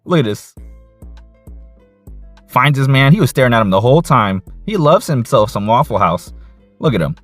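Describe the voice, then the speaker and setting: A man breaking down football game film, excited and casual, with slang and repeated catchphrases. His voice sits at a middle pitch. The recording is dry and close, with faint music in the background. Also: normal speed, long pauses, no echo. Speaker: football coach and film analyst.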